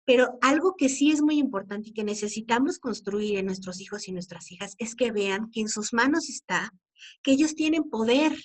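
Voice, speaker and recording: A middle-aged woman with a Mexican accent speaks to parents in a conversational, earnest way. Her voice sits a little high, and she keeps asking rhetorical questions as she talks. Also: expressive, moderate pace. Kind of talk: informal talk to parents.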